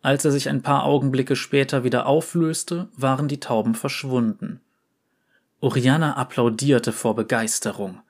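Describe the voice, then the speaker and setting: A man calmly narrating a storybook. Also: mid-range voice, normal speed. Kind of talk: storybook reading.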